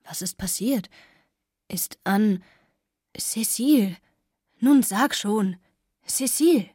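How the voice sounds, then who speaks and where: A woman with a husky voice reading the lines of a middle-aged father, hushed and quiet. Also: mid-range voice, animated, takes it slowly, no room sound, clean studio sound. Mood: alarmed. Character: remorseful middle-aged father, shaken and pleading.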